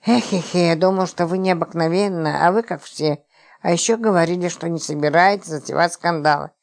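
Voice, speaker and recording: A woman reading the part of an exasperated, sarcastic man who hides out in a stranger's flat, prone to angry outbursts. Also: fairly low pitch, a little fast, gravelly. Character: exasperated sarcastic man, a company boss hiding out.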